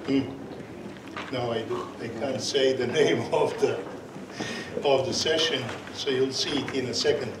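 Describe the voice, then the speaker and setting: Opening a conference session as chair, a man with a Serbian accent stumbles through many fillers and restarts. His pitch is medium and his intonation fairly even. The portable-mic recording is distant and noisy, with echo from the hall.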